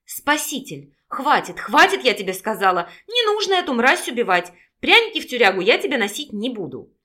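A feisty young heroine with a quick sarcastic tongue, her pitch leaping high and swinging widely, as a woman reading the book voices her. She is loud and indignant and never backs down. It is an audiobook read aloud. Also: sing-song. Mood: shouting. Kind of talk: audiobook character voicing.

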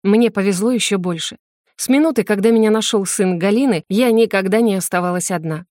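A woman narrating an audiobook in the first person, with a lively, expressive reading. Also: medium pitch, fairly quick, no echo, studio quality.

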